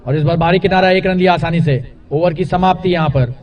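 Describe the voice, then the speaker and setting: A man's voice: high voice, quick pace, a little mellow, recorded from a distance. A man giving live cricket match commentary, describing the play in short phrases.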